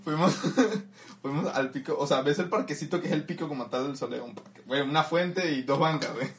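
A man's voice: a little high, brisk, fairly bright tone, slight background noise. A young man with a Mexican Spanish accent, co-hosting a podcast and telling a story in slangy casual chat, laughing often, recorded on a lapel mic. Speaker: podcast co-host.

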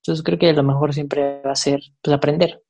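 A young woman with a Mexican accent, telling stories in a relaxed, casual chat full of fillers. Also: low-pitched, normal speed. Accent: Mexican Spanish. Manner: relaxed storytelling with many fillers.

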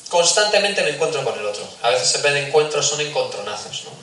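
A man speaks from a distance in a large, echoing hall, with a bright, forceful voice. He talks to parents in a conversational way, puts questions to them and acts out short everyday scenes. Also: a little high, big pitch swings, fast talker, slight background noise. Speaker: speaker giving a talk on family and faith. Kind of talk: talk to parents. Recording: echoey hall, speaker far from mic.

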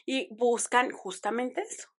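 A young woman with a Mexican Spanish accent, hosting her show in a chatty, expressive, self-mocking way. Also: a little high, unhurried. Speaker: podcast host. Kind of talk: casual chat.

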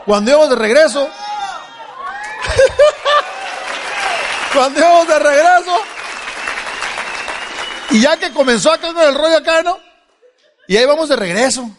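A man's voice: extremely high pitch, big pitch swings, slow, pauses often, crowd noise, noisy background. A middle-aged man telling a humorous life story to a live audience, joking and laughing as he goes. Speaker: speaker giving a testimony. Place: stage before an audience.

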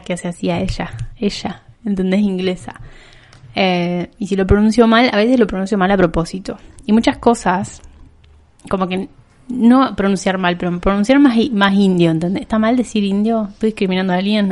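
A woman's voice: mid-range voice, darkish tone. A young woman with an Argentine accent, hosting her podcast in a rambling, self-mocking casual chat. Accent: Argentine Spanish. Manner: chatty, rambling, self-mocking with frequent laughs. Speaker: podcast host.

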